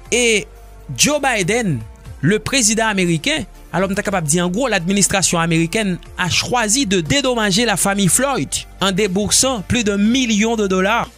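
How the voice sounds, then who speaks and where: Man, high voice, swooping animated delivery, faint music behind. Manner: emphatic, mixing Haitian Creole and French. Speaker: radio show host. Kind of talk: impassioned news commentary.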